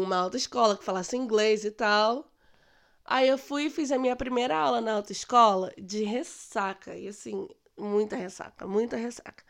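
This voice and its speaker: A woman in her late twenties from Brazil, telling a personal story in a chatty, animated way on her vlog. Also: a little high, vocal fry. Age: late 20s. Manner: chatty, animated retelling with quoted dialogue. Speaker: vlogger. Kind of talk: casual storytelling.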